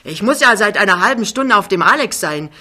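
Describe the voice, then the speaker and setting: Reader doing a big loud know-it-all guy, chatty and overbearing, bright sound. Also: medium pitch, normal speed, lightly acted. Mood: bellowing. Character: big blustering talkative man.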